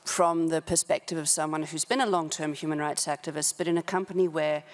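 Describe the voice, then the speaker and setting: This is a company human rights director, a middle-aged woman, offering prepared remarks off the cuff on a policy forum panel. She has a deep voice and a steady tone, choosing formal words at a measured, halting pace. She sits in a large indoor conference hall with a desk gooseneck microphone close by.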